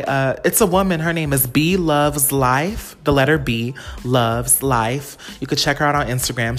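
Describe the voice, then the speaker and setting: A woman hosting her own podcast, chatting casually in a profane, animated, rambling way. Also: deep voice. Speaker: podcast host. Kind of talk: casual chat. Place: Los Angeles.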